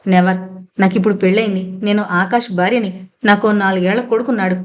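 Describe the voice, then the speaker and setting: A woman's voice: mid-range voice, fairly even intonation, fairly quick, natural voice. A woman narrator voicing a young married woman who is frightened but defiant and pleads for her son.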